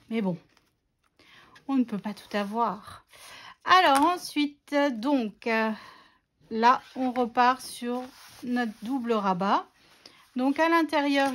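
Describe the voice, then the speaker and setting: Woman walking thru a scrapbook tutorial, bit higher voice, chatty and joking at herself. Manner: chatty, self-mocking, many fillers and little laughs. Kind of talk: casual craft tutorial narration.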